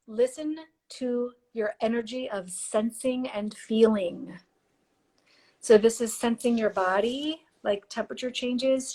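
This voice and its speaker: A breathy, somewhat high-voiced woman hosts a live card reading, chatting warmly and reading card texts in a soft voice. She's a podcast host and intuitive reader, slightly hoarse and losing her voice, picked up by a phone or computer mic for the stream.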